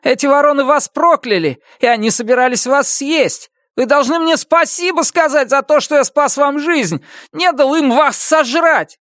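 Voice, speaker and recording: A narrator voicing a spiteful, bullying male neighbor with a shrill, sneering manner in an audiobook. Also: very animated, normal speed, fairly bright tone, dry recording, studio quality, exaggerated voice. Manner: sneering, bullying, rising to a shriek.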